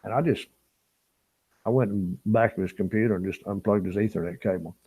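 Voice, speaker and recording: Heard through narrow, tinny audio from a lapel or small camera mic, this fishing live-stream host talks fairly quickly in a fairly low voice with a breathy edge. He rambles and chuckles, reading viewers' chat comments aloud and chatting with them casually.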